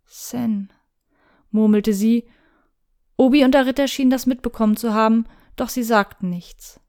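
A woman's voice: fairly high pitch, fast talker, darkish tone. Woman reading a story aloud. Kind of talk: scripted storybook narration.

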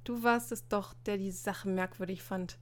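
A woman's voice: mid-range voice, steady tone, normal speed, lightly acted. A woman voicing an exasperated teenage schoolboy who answers in annoyed, defensive retorts. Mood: irritated.

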